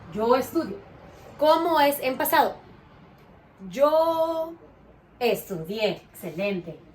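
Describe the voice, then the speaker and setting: Slow, patient woman teaching children. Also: on the high side, a little hiss or hum. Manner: slow and patient, asks questions and praises answers. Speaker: primary school teacher.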